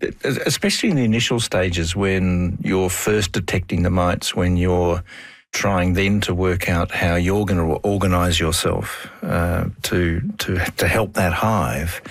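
A man's voice: deep voice, dry recording. An Australian man interviewing conversationally as a radio host.

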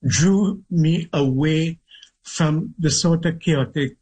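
Man, middle-aged, Trinidadian accent, husky, measured and thoughtful, interview guest. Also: a little high, darkish tone, rough recording. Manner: measured, thoughtful, with pauses and restarts. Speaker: guest author. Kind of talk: reflective interview storytelling.

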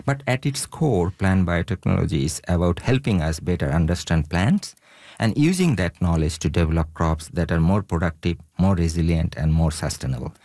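A man from Bangladesh, a researcher guest on a radio interview, speaking haltingly with many fillers. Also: deep voice, lively intonation, dark tone, no echo, studio quality.

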